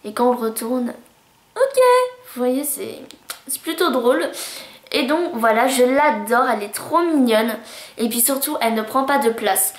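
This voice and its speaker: A woman's voice: fairly high pitch, normal speed. A woman vlogging her monthly favourites in a chatty, bubbly way, gushing over things with cutesy words. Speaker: beauty vlogger. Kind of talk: casual monthly favourites vlog. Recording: roomy echo.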